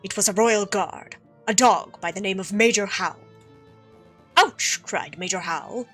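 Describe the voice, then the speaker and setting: Courtly young prince with a put-on Spanish accent, read by a woman, bright and crisp, faint game music under. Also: mid-range voice, moderate pace, close to an everyday voice. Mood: storytelling. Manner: formal, flowery, gracious. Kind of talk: reading game dialogue aloud.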